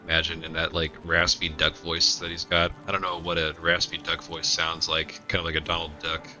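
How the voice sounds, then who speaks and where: A man's voice: deep voice, completely flat delivery, a little fast, sharp tone. A man streaming a video game, tossing out sarcastic, joking asides as he plays. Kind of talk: casual gameplay commentary. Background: game music.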